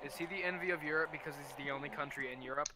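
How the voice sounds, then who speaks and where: Fast-talking young man, wry heckler. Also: a little high. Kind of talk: casual chat commentary.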